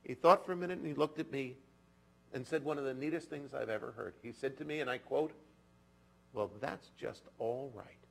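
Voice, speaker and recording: A man giving a sermon in a synagogue, telling a story slowly and earnestly, often dropping to a soft, intimate tone. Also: medium pitch, creaky, low-quality recording. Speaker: clergy. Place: synagogue sanctuary.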